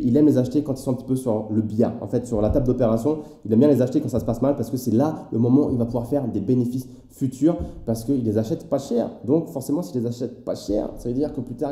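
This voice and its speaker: A man talks fast and informally, as if chatting with a friend, with frequent filler words. His voice is dark and mellow. The sound carries a noticeable room echo. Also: mid-range voice. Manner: chatty, addresses viewer informally, many fillers. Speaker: finance YouTuber. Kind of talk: casual explanatory video.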